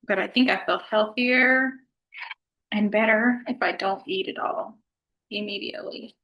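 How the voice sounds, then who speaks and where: A soft-spoken woman chatting casually in a food vlog, talking at a low volume. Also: a little slow, poor audio. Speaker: vlogger.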